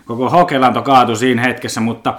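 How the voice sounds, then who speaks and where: A man's voice: mid-range voice, flat delivery, fairly bright tone. A man with a Finnish accent talks through a loose, rambling podcast monologue. He is blunt and joking, swears freely, and often stumbles over words before finding them. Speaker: podcast host.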